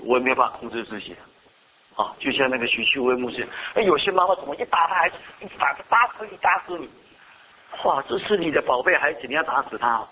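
A man's voice: medium pitch, sharp tone, rough recording. A man preaching a sermon as pastor, often asking the congregation questions and answering them himself.

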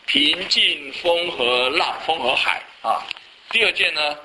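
A man leading a group Bible study, asking the group quick questions and reading scripture aloud with them. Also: fairly high pitch, animated, background noise. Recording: voices of a group reading along in a room.

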